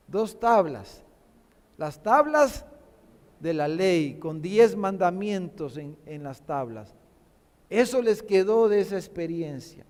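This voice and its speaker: A man's voice: high voice, warm tone, big-room sound. A man preaching a sermon to his congregation, often calling them brothers and repeating words as he builds a point. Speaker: pastor. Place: church sanctuary.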